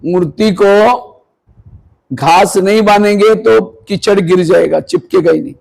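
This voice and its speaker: On a rough recording from a meditation hall, a male spiritual teacher with a high-pitched, creaky, slightly mellow voice speaks a little slowly. He addresses a live audience earnestly, asking many rhetorical questions and occasionally chiding those who nod off.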